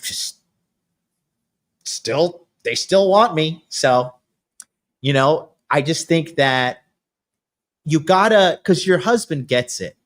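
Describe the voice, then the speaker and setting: A man's voice: fairly high pitch, lively intonation, slow, pauses often. A man in his late thirties hosting a podcast, talking in a brash, crude, boastful way. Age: 30s. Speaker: podcast host. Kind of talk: casual podcast chat.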